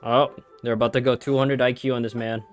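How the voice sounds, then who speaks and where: A woman streamer gives casual commentary over a game, reacting with slangy jokes. Her voice is extremely deep for a woman, and game music plays softly behind her. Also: level tone, a little fast. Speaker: gameplay streamer.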